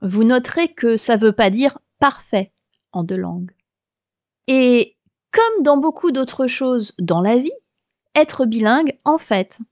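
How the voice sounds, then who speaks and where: A woman's voice: on the high side, darkish tone, no echo. A woman podcast host from France, in her thirties or forties, explaining things in a chatty, lightly humorous scripted monologue.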